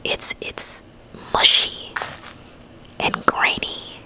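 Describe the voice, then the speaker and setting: A woman rambling gently in a breathy ASMR whisper, lingering on drawn-out words. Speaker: ASMR host.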